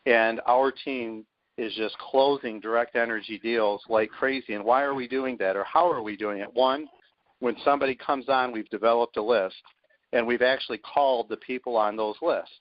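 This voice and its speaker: A sales team leader's medium-pitched voice, fairly even in intonation and moderate in pace, drives a motivational pitch over a conference call. He punches his points confidently and emphatically. There is no echo, just a dull lo-fi phone line.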